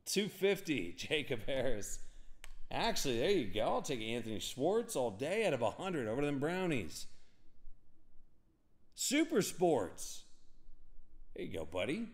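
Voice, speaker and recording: A young man hosting a live card break, chatting and rambling excitedly to viewers as he calls out cards. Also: medium pitch, a little slow, pauses often. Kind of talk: casual live-stream card break commentary.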